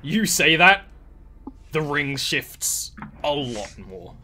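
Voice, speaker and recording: Bright-voiced man running a tabletop game. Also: a little high, very animated, takes it slowly. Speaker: game master. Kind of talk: improvised tabletop game narration.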